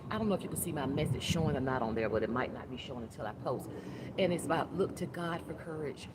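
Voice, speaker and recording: A woman in her fifties gives a casual, rambling inspirational talk as a life coach, with asides and restarts, speaking outdoors in the wind. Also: sits low. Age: 50s. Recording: noisy outdoor recording with wind.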